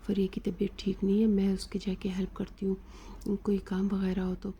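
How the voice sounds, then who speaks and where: A woman's voice: medium pitch, monotone, warm tone, slight background noise, lightly acted. Woman reading an anxious mother. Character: worried mother offering to help.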